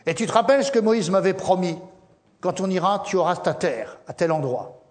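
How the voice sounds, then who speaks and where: A man's voice: high-pitched, animated, brisk. A preacher voices an old warrior who is vigorous and insistent and proud of his strength. The voice sits a little above an ordinary man's and presses each point with eagerness. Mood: eager. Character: elderly male biblical warrior, vigorous and eager.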